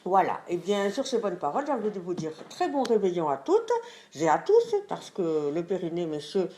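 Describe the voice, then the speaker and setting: A woman's voice: lowish voice, lively intonation, a little fast, warm tone. Chatty woman hosting a comedy sketch. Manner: chatty, hesitant with many fillers, mock-earnest. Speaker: comic reporter presenting a survey.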